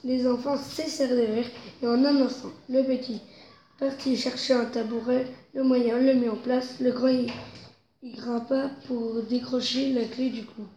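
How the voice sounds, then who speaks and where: In a muffled recording with roomy echo and faint noise, a woman reads a children's tale in a mellow, fairly high voice. Her expressive delivery grows as the story's tension builds.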